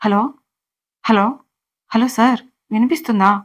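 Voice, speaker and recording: A woman's voice: on the high side, flat delivery, fast, natural voice. Anxious young heroine, urgent pleading, level tone , voiced by a woman narrator.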